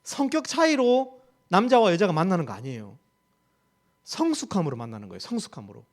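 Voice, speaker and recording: Gyeongsang-accented male preacher, high voice, emphatic, lots of rhetorical questions. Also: big pitch swings, brisk. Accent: Gyeongsang Korean. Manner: emphatic, rhetorical questions, repeats key phrases. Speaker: campus ministry staff preacher. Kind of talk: sermon.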